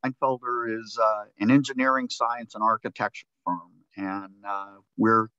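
Man, tense bright voice, dry close sound, dull lo-fi line. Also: lowish voice, steady tone, moderate pace. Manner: hesitant, unsure. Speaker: presenter, environmental geoscientist. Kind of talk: starting a webinar talk. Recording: dry, dull call audio.

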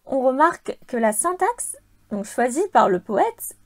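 A woman hosting her poetry channel, explaining French stress and verse breaks in a clear, measured teaching voice that stresses key words. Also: sits high, big pitch swings.

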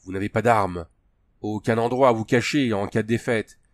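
A man plays a grave, principled colonel in a novel audiobook. The voice sits low and speaks in a firm, earnest way. The recording is close and completely dry. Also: moderate pace, dry recording, lightly acted. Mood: urgent. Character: stern principled male Union colonel.

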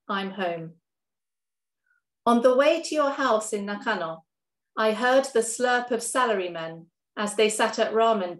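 A woman reading her own poems aloud at an even, measured pace, with brief, casual spoken introductions between them. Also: mid-range voice. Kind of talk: poetry reading. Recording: roomy echo.

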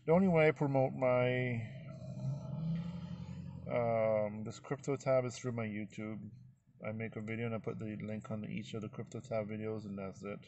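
A man's voice: lowish voice, creaky, a little mellow, dry recording, muffled recording. A middle-aged man vlogging casually, walking viewers through his phone screen in a folksy, rambling way. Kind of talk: casual screen-recorded walkthrough.

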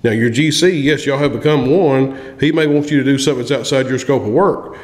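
A brisk man with a mid-range voice, a veteran of the construction industry, gives practical advice as a podcast guest, speaking plainly with many restarts. The setting is a small indoor room with a table, and his boom-arm studio mic catches plenty of long, echoey reverb.

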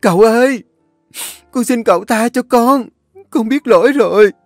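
A man's voice: sits high, expressive, moderate pace, darkish tone, dry recording, studio quality, soft background music, voice pushed up. A man voicing a terrified young servant girl who stammers and begs. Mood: pleading. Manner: stammering, begging.

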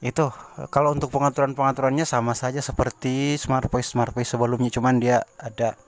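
A man's voice: mid-range voice, fairly quick. A man, a tech vlogger, chatting casually to his viewers while demonstrating a phone setting. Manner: relaxed, chatty, addresses viewers as friends. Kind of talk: casual tutorial talk.

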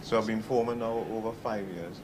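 A man's voice: on the low side, steady tone, fast talker, noisy background. Man telling his story. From West Indies. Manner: rambling, repeats "you know" and "um", acts out quoted voices. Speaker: interviewee, bakery foreman. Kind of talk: casual storytelling in an interview.

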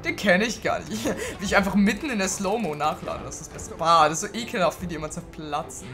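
A young woman giving casual let's play commentary, excitable, swearing and laughing a lot. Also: on the low side, a little fast, soft background music. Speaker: gaming video host.

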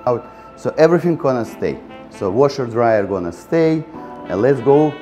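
A real estate agent gives a chatty walk-through tour of a bright condo, moving from indoors out to an ocean balcony. His medium-pitched voice is expressive and dark-toned at a normal speed, and his non-native grammar leans on repeated "guys" and "again." Soft music plays in the background.

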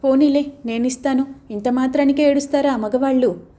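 A woman's voice: high-pitched, fairly even intonation, normal speed, close to an everyday voice. A woman voicing a kind young man who reassures a crying boy in an audio novel. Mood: kindly. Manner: gentle, reassuring. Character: kind easygoing young man, elder brother type.

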